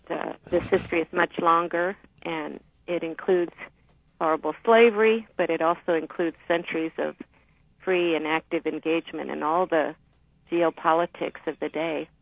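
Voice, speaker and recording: A woman historian who grew up in the Dominican Republic, explaining history in a measured, thoughtful way as a radio guest. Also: deep voice, steady tone, no echo. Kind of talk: radio interview, phone-in guest. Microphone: telephone. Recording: tinny phone line.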